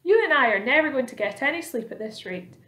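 A woman's voice: high-pitched, animated, fast, fairly bright tone, pitched above the performer's own voice. A woman voicing a boastful, rascally male centipede in a children's story, brash, bossy and exclamatory. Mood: bossy, impatient. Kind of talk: children's storybook read aloud. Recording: roomy, echoing indoor sound.

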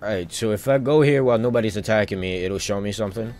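With a lowish voice and a quick pace, a man rambles through casual live commentary while streaming a video game. He thinks aloud in loose slang.

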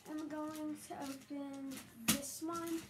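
A young girl talking casually and a bit scattered during an unboxing, her voice muffled through a mask, over loud background noise. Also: high voice, little pitch movement, slow pace. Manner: chatty, a little scattered. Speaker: vlogger.

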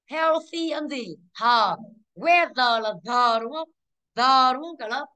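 A woman's voice: high-pitched, slow, sharp tone, clear, resonant tone. A woman teaching English to a class, quizzing pupils and drilling pronunciation. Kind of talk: classroom lesson.

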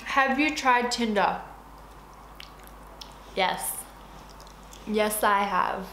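This beauty vlogger, a woman in her twenties, speaks very slowly in a medium, slightly bright voice while eating and chatting with food in her mouth. The recording has room echo and a faint hiss.

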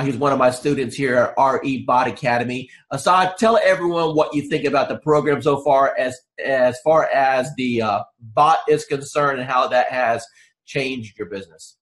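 A man's voice: mid-range voice, steady tone, moderate pace, a bit bright. Man coaching host asking direct questions. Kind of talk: interview questions.

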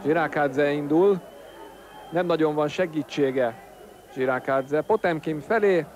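High-pitched man in excited football commentary. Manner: excited, exclaiming at the action. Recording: noisy stadium broadcast with crowd. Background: football crowd.

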